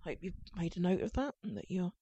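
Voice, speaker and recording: A woman's voice: fairly low pitch, animated, fast, warm tone, husky, highs cut off. An Englishwoman from Ipswich hosting a casual chat, rambling and teasing in a playful way. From England, Ipswich. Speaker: podcast host.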